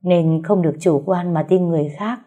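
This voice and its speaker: A woman's voice: fairly low pitch, fairly quick, muffled recording, soft background music, lightly acted. Woman voicing a firm, caring old grandmother. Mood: admonishing. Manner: steady, admonishing.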